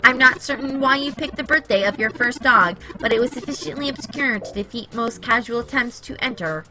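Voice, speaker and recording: A woman's voice: a little high, fairly quick, music in the background, natural voice, rough recording. A woman voicing a fussy, know-it-all robot. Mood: lecturing. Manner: precise, lecturing, matter-of-fact. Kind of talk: reading game dialogue aloud.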